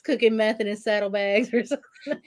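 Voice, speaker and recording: A woman joins a casual livestream chat and fills in the details of a shared story. She laughs often. Her voice sits at a middling pitch for a woman. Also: a little fast, background noise.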